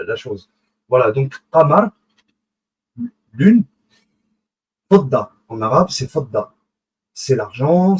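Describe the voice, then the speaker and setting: A man lectures in a relaxed live-stream manner, his voice husky and sitting in an ordinary middle register. He wanders into asides, stumbles over restarts and corrects himself. He keeps asking his listeners whether they follow. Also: medium pitch, rough recording. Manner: digressive, self-correcting, many fillers and restarts; checks in with listeners often. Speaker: online lecturer on esoteric symbolism.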